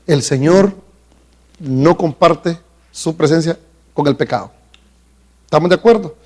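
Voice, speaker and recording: A man preaching a live sermon in a church. He speaks emphatically, slows down to stress key words, and calls questions out to the congregation. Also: high voice. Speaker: pastor. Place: church sanctuary.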